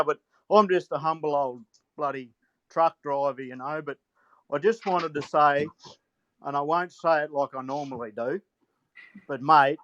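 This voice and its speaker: Aussie guy w broad accent, blokey caller rambling on, bit higher voice, really dry close sound. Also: fairly bright tone, no room sound, lo-fi sound. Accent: broad Australian. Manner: blokey, repetitive, swears mildly and often. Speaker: phone-in caller, truck driver. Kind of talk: casual rambling chat.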